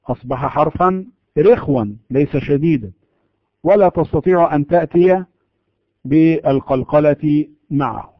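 Man teaching tajweed, slow and deliberate. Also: fairly high pitch, no echo, highs cut off. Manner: explains slowly, drawing out example words. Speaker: Quran recitation teacher. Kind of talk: tajweed lesson.

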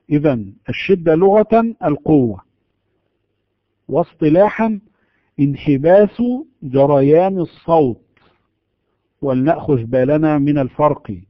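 A man giving a tajweed lesson, explaining slowly and drawing out the example words. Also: a little high, no room sound, dull audio. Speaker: Quran recitation teacher.

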